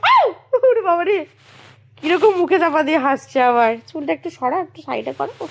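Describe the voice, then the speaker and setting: High-voiced mother coaxing her baby. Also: animated, a little fast, creaky. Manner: playful, coaxing baby talk. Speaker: vlogger mother. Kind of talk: casual home vlog, talking to her baby. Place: home bedroom at night.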